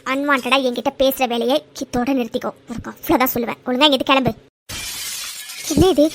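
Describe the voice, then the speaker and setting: A woman's voice: high-pitched, slight background noise. A woman voicing a young female office worker in a cartoon, stern and dismissive when confronted. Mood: anxious. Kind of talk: cartoon voice acting.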